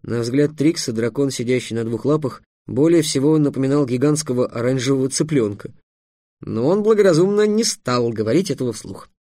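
A man narrating an audiobook in an expressive storytelling manner. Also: mid-range voice, a little fast, no room sound, studio quality.

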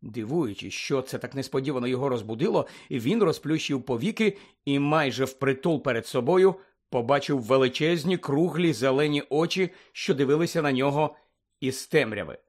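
A man reading a children's fantasy novel aloud, acting out each character's lines with lively expression. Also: medium pitch, moderate pace. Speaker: narrator. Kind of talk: audiobook reading.

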